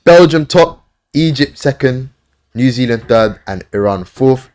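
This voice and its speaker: A man hosting a casual football podcast, briskly running through lists and giving offhand opinions. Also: mid-range voice, lively intonation, a little mellow. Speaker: podcast host.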